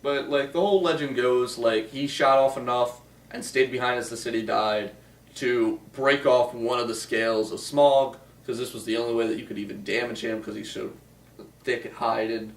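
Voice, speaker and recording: A man's voice: mid-range voice, fairly even intonation, moderate pace. Young guy, movie chat host, loose and profane; roomy sound, mic at a distance.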